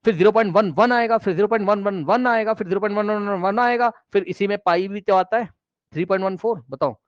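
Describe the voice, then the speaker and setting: High-voiced man teaching a math class. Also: quick pace, dry recording, highs cut off. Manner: addresses students directly, asks questions, repeats key phrases; mixes English math phrases into Hindi explanation.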